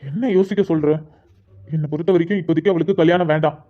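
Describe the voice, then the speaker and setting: A woman's voice: low-pitched, fast, mellow, lo-fi sound. A woman voicing a young man, a protective elder brother who talks in a heated, insistent way, in a cartoon. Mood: angry. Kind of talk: cartoon voice acting.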